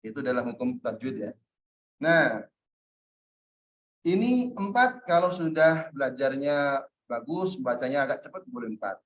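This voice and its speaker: A man's voice: medium pitch, lively intonation, a little slow, pauses often, fairly bright tone. A man teaching an Arabic class, explaining step by step and checking in with his students, with an occasional chuckle. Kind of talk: online class lesson. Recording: roomy, muffled lo-fi sound.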